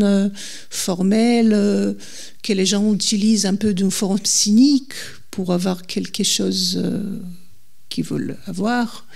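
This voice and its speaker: Female speaker, foreign accent in French, non-native, creaky voice, medium pitch, halting delivery, public lecture. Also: a little mellow. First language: not French. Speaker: guest speaker, legal historian. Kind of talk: public lecture in answer to a question.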